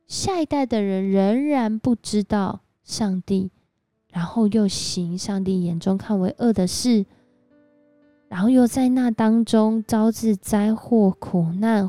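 A woman giving a devotional sermon, telling a story in a lively way with frequent exclamations. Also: medium pitch, slow pace, dry recording. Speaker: church speaker. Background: faint background music.

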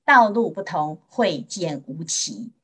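Gentle woman giving a sermon. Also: sits low, lively intonation, slightly rough. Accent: Taiwanese Mandarin. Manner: gentle storytelling with frequent drawn-out particles. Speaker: Buddhist nun teaching sutra.

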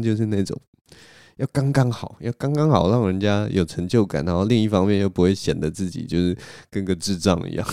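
A man's voice: lowish voice, warm tone, clear, resonant tone, dry recording. A man hosting a solo podcast, telling stories in a rambling, self-mocking way on a close mic. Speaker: podcast host. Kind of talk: casual solo storytelling.

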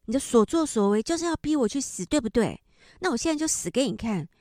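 A shrill, furious middle-aged mother, put on by a woman telling a story, pitched high and loud as she rails and wails at her son. The voice stays mellow and warm in tone, close and dry to the mic. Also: lively intonation, normal speed, no room sound, close to an everyday voice. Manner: shrill, wailing, accusing.

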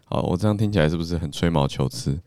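A man's voice: deep voice, fast, mellow, clear, resonant tone, no room sound, studio quality. A man with a Taiwanese Mandarin accent co-hosting a morning news podcast, chatting casually and playfully, often laughing as he corrects English stress. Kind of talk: casual chat.

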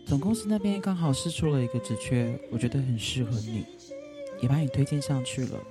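A calm, persuasive office boss encouraging a staff member, voiced by an actor. Mid-pitched and even, with music clearly audible underneath. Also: fairly quick, natural voice.

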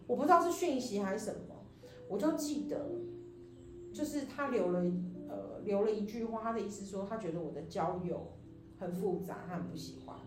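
A quick-talking woman with a Taiwanese Mandarin accent co-hosts a chat podcast. She tells her story in a rambling, animated way and acts out the other people's lines. Her voice sounds roomy, with soft music underneath. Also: medium pitch. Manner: rambling, animated storytelling with quoted dialogue and laughter. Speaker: podcast co-host. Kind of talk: casual chat, telling a personal story. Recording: echoey room with faint music.

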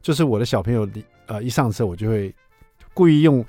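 A man, hosting a radio show and telling a story in a chatty, lively way. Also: mid-range voice, a little fast, dry recording, soft background music. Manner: lively, chatty, asks listeners for agreement. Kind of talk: casual storytelling on talk radio. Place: radio studio.

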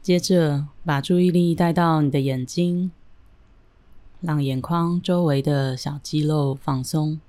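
A woman leading a guided breathing and relaxation meditation in a calm, gentle, soothing manner with deliberate pauses. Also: low-pitched.

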